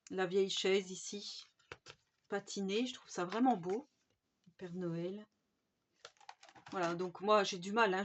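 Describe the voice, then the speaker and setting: A woman, chatting enthusiastically through a haul of craft supplies, with many fillers and restarts. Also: medium pitch. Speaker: scrapbooking vlogger. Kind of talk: casual product haul chat. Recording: faint background noise and clicks.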